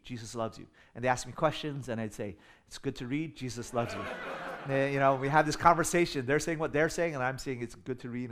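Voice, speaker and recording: A middle-aged man from the United States preaching a sermon, telling stories with humor and building in intensity. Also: mid-range voice. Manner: animated storytelling with humor, rising in volume for emphasis. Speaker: pastor.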